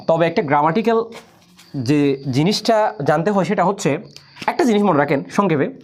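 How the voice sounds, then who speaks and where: A young man, an English teacher, explaining grammar to students and often asking whether they follow. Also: fairly high pitch. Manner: lively, questioning the listener directly.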